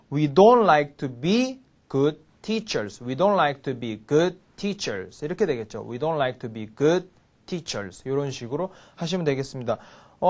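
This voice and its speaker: A middle-aged man teaching English in an online lecture, explaining and slowly repeating example sentences. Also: fairly high pitch.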